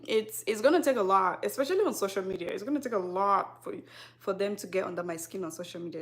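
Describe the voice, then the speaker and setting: A woman's voice: medium pitch, a bit bright. A woman from Cameroon with a Cameroonian accent, talking casually to camera as a skincare vlogger, sassy and teasing, firing off rhetorical questions and laughing often, recorded on a phone on a tripod. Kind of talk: casual direct-to-camera talk.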